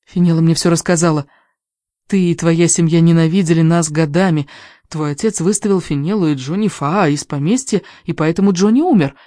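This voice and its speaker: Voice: mid-range voice, brisk, dark tone, no echo, studio quality, close to an everyday voice. A reader voicing a frightened, accusing young woman with a shaky, agitated manner in an audiobook. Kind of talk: audiobook reading.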